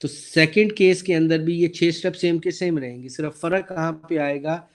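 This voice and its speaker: Man lecturer, sore throat, fairly high voice, walks through slides and quizzes the class. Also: steady tone. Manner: explains step by step, asks the class questions, reads slide text aloud slowly. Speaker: database lecturer. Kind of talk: recorded lecture over slides.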